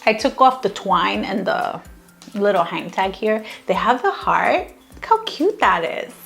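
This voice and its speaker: A woman's voice: mid-range voice, sing-song, measured pace, gravelly, fairly bright tone, soft background music. A woman in her fifties hosting a craft tutorial in a casual, chatty way, gushing with enthusiasm and tossing in self-mocking asides.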